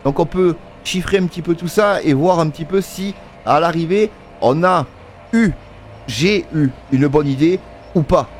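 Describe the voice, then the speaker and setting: A man's voice: on the high side, normal speed, slight background noise. Chatty man narrating farm gameplay. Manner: chatty, many fillers, talks to workers in the game. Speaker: gaming video creator. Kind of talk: casual let's-play commentary.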